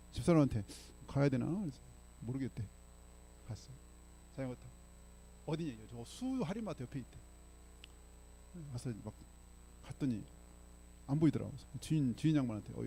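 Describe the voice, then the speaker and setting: A man's voice: medium pitch, vocal fry, dark tone, slight background noise. An older man preaching a sermon as pastor, telling stories in a chatty way and often checking in with the congregation. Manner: conversational storytelling, frequent "예?" to congregation. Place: church sanctuary.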